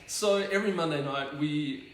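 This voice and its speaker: A man's voice: a little high, normal speed. A man co-hosting a casual chat show, jokey and playful and laughing often. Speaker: co-host. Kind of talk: casual live-stream chat. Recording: echoey room, faint background noise.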